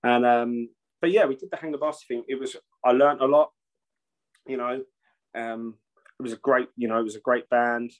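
The recording is rough: a man with a mid-range voice, fairly even intonation and moderate pace talks casually over a webcam video call. He's a guest, the singer and bassist of a metal band, sitting in a room with shelves at home, rambling with lots of swearing and restarted thoughts.

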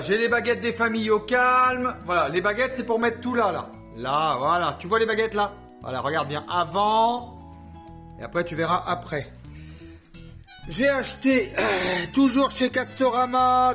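This DIY vlogger, filming at home, has a high and slightly bright voice. Playful and jokey, he addresses his audience directly in an affected southern French accent, breaking into bits of humming and singing along the way.

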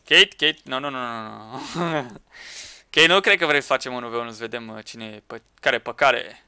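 A man commenting on a Minecraft match with friends, excitable, shouting at teammates and laughing. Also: mid-range voice, clean tone, dry recording. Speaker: gaming YouTuber.

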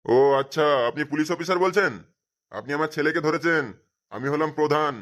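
A man's voice: on the high side, moderate pace, fairly bright tone, natural voice. A man voicing a self-important village chief who gives curt orders to a police officer over the phone. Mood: commanding. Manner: curt and commanding.

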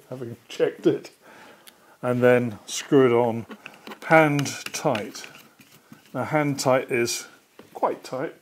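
This is a medium-pitched, somewhat dark male voice belonging to a Briton in his sixties. He leads a hands-on assembly tutorial in an indoor workshop, explaining each step with patience.

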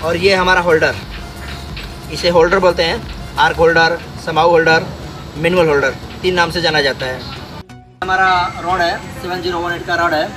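A man's voice: fairly high pitch, fairly even intonation, moderate pace, music in the background. A young man with an Indian accent teaching welding step by step, repeating each instruction, recorded on a workshop floor. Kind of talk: hands-on tutorial.

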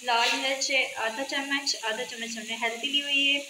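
This woman has a high voice and hosts a home cooking channel from her kitchen, teaching calmly and ending steps with check-ins for her viewers as she works through a recipe. Sizzling and frying from the pan fill the echoey indoor space.

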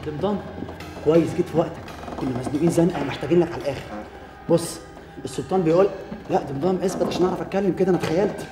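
A flustered young prince in a TV drama, as an actor plays him, rattling off his words very fast in a roomy set, with music behind him. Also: a little high, natural voice. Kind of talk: TV drama acting.

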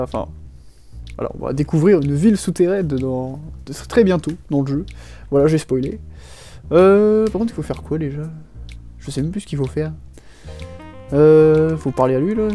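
A man's voice: on the high side, mellow. A young man giving casual, joking gaming commentary, rambling and slangy as he plays and reads dialogue aloud. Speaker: video game let's player. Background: faint game music.

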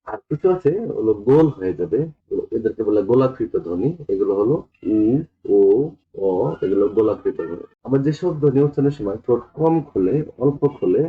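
A man with a Bangladeshi Bengali accent, teaching a lesson, explaining step by step and slowly repeating vowel sounds. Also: fairly low pitch. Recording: tinny phone-like audio.

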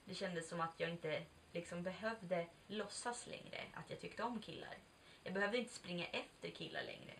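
A woman vlogger in her 20s speaks in a lowish, sing-song, gravelly voice with a fairly bright tone. She candidly and chattily recounts a personal story in a casual confessional manner, swearing here and there and acting out dialogue, on a distant mic with faint background noise.

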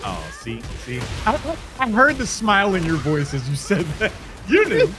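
Animated, higher-pitched man commentating esports. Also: moderate pace. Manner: bantering, slangy. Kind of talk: casual live fighting game commentary. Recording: music behind the voice.

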